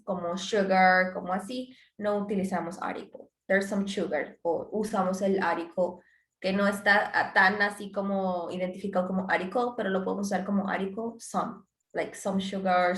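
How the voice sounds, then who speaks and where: A woman teaches English grammar in a class, walking through each rule step by step. She moves between Spanish explanations and English example sentences. Her voice is of middling pitch and carries a roomy echo. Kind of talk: online class lesson.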